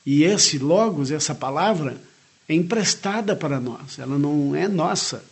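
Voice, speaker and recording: Husky man reading a spiritual lecture. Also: fairly high pitch, expressive. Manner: measured, earnest reading with short spoken asides.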